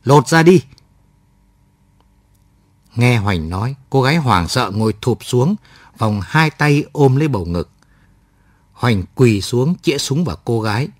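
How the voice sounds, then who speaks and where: Calm male audiobook narrator. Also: mid-range voice, normal speed, dry recording. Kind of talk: scripted first-person story narration.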